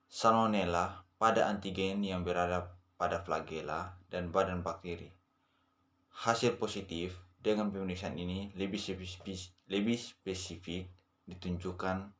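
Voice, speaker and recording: A man's voice: deep voice, a bit bright. A young man, a veterinary student, reading a class presentation steadily, sometimes correcting himself.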